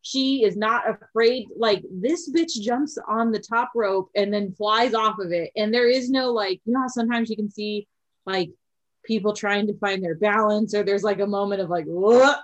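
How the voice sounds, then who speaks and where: Excitable swearing woman co-host. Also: mid-range voice, normal speed, poor audio. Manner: excitable, swears freely, laughs often. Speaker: podcast co-host. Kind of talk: casual chat.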